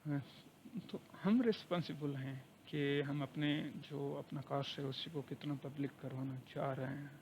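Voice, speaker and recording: A man's voice: on the high side, steady tone, normal speed, darkish tone, a little hiss or hum, rough recording. A man with a Pakistani accent, a university lecturer, talking to camera in an earnest conversational way and slipping English words into his speech. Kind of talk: personal talk to camera. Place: living abroad, recording informally.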